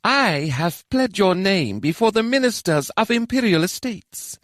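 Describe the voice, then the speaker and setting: A male narrator voicing a pompous elf house lord with a high-pitched nasal voice, making grand ceremonial proclamations. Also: very animated, measured pace, a bit bright, dry recording, clean studio sound, full character voice. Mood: proclaiming. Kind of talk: audiobook character voice.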